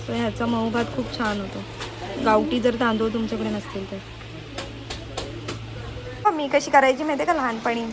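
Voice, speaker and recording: Shopping with her phone out, a young woman vlogs casually while alternately coaxing and scolding her little one. Her voice is a little high and fairly even at normal speed, and she pauses often. The busy market, outdoors and in a shop, is noisy behind her.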